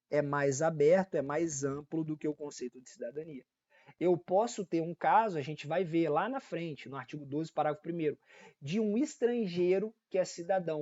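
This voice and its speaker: Lo-fi audio without echo carries a man's slightly high, warm voice. A law teacher with a Brazilian Portuguese accent, he leads an informal online lecture for exam prep, restating main points, asking after his listeners and correcting himself when he slips.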